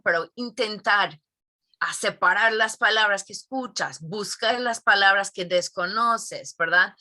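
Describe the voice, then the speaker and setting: A middle-aged Spanish teacher gives thoughtful interview answers filled with fillers and tag questions. Her mid-range voice sounds pushed and bright.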